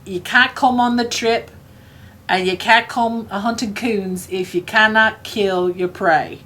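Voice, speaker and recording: A woman voicing a gruff, bossy old grandfather who barks and mocks, within her own story. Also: mid-range voice, fairly even intonation, a little slow, bright, forceful tone. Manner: barking, mocking.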